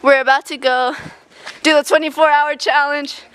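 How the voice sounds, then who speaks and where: A young woman calls out through a megaphone while vlogging outdoors in a forest. Her voice sits high, and she laughs easily between lines. A faint hiss sits under the recording. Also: level tone, moderate pace, fairly bright tone. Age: young adult. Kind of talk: casual group vlog.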